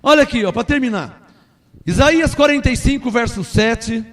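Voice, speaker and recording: High-voiced emphatic preacher. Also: male voice, expressive, moderate pace. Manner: forceful, emphatic preaching with rhetorical questions. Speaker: pastor. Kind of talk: sermon.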